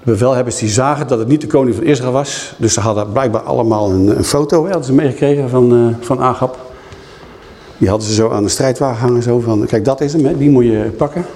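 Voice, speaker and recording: A man's voice: mid-range voice, quick pace, a little mellow. A man preaching a sermon in a conversational way, often checking in with his listeners. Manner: conversational, frequent tag questions. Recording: long hall reverb.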